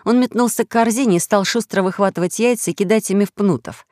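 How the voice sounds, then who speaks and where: A woman narrating a children's audiobook story with expressive storytelling. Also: medium pitch, fast talker, no room sound, studio quality.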